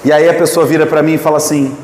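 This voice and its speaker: A man's voice: a little high, quick pace, reverberant, big-room sound, a little hiss or hum. A Brazilian man preaching a sermon to married couples, telling stories and asking his audience questions. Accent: Brazilian Portuguese. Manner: lively storytelling, asks the audience questions. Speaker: pastor.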